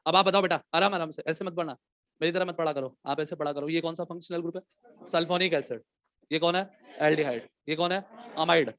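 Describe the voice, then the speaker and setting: A man teaching a chemistry class, quizzing the students and dictating questions slowly. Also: on the high side, a bit bright. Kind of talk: classroom lecture.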